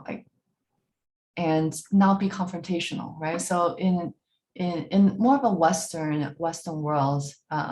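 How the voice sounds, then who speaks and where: A woman's voice: sits low, a little mellow. Woman giving a business workshop talk. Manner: frequent fillers and restarts, repeats words while searching; ends points with a questioning "right?". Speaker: workshop speaker. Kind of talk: presentation to a bootcamp. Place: online talk.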